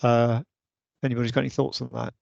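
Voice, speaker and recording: A man's voice: medium pitch, level tone, a little fast, vocal fry, a little mellow, dry recording, dull audio. A man on an online meeting call, suggesting ideas in a hesitant way with many restarts. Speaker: vice chair of a users' group meeting. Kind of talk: casual online meeting discussion. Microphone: video call.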